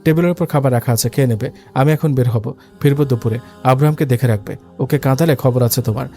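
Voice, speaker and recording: A man's voice: medium pitch, quick pace, warm tone, faint music behind, close to an everyday voice. A man voicing a stern, cruel young husband who gives harsh, commanding orders through gritted teeth.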